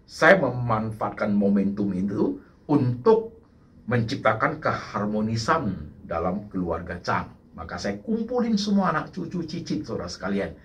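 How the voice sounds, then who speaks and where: A male pastor preaching a sermon in an animated way, slipping English words in and often turning to address the congregation. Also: fairly low pitch. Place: church service.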